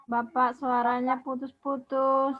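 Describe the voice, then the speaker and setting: High woman on a crackly call line. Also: level tone, takes it slowly, highs cut off. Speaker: workshop participant. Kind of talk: calling in to an online class.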